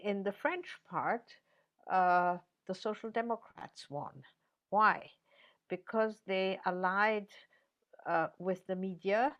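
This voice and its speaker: Her voice mid-range and a bit bright, an older professor gives measured interview answers filled with fillers and restarts. The recording sounds dull.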